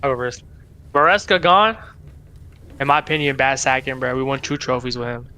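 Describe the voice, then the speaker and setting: Bright, forceful man on a podcast. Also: medium pitch, a little fast, clean tone. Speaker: podcast panelist. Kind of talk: casual football opinion.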